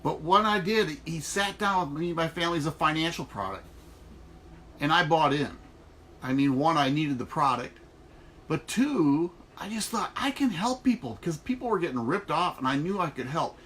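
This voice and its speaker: A middle-aged online network marketer records a folksy, motivational vlog inside an RV trailer, talking casually and emphatically. His voice is fairly high and a bit bright, with lively intonation and a normal speed. There's noticeable background noise in the trailer.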